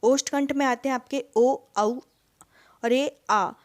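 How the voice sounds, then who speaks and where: A woman's voice: high voice, steady tone, slow pace, no room sound, clean studio sound. A woman teacher giving an exam-prep lesson, asking questions and then answering them herself. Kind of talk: exam-prep lesson, Hindi mixed with English words.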